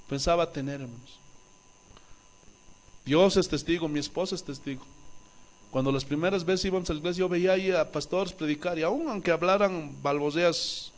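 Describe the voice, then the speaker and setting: A male pastor from Bolivia delivers a fervent sermon with a notably high voice. He swings between loud, exclaiming bursts and hushed asides, and slips into wailing or pleading tones when he acts out the voices of the people he quotes.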